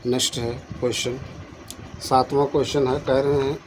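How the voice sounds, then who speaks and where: A man's voice: medium pitch, level tone, normal speed, slight background noise, low-quality recording. A man teaching exam questions in Hindi, reading each option aloud and repeating the answer, with coaxing asides.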